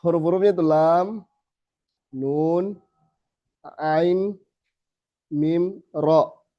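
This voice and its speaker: A man teaching a small group how to recite, saying letter sounds slowly again and again and then correcting them. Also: fairly high pitch. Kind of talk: tajweed lesson to a small group. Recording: slightly dull lo-fi recording.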